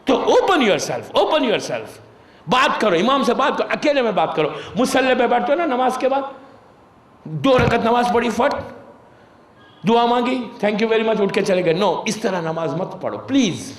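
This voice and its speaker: A man's voice: very high-pitched, animated. A male cleric preaching a sermon to a gathering, slipping into English words and repeating phrases for emphasis. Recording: echoey hall recording.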